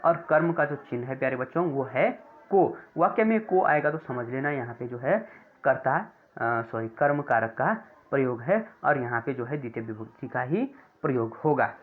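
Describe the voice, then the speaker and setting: A man's voice: medium pitch, expressive. Male language teacher, patient classroom delivery, repeats and self-corrects, recorded on a narrow phone-like line. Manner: slow, repeats words, corrects himself with "sorry". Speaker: Sanskrit teacher. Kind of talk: classroom lesson explaining grammar. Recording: tinny phone-like sound.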